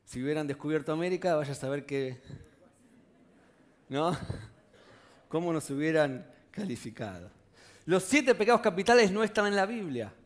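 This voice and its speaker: Preaching in a conversational manner, this man speaks with a Rioplatense Spanish accent and a slightly high voice. He frequently addresses rhetorical questions to the congregation.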